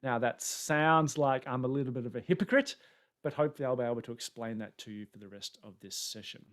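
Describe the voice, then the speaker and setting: Speaking over a webcam on a video call from an indoor room, an Australian man with a medium-pitched voice presents a webinar at a quick pace. His conference talk is chatty and self-deprecating, delivered in an Australian accent.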